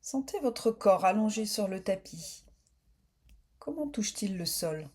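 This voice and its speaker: In a mid-range voice, a female yoga nidra instructor guides listeners through relaxation. She gives her instructions slowly, in a calm and soothing manner without any hurry.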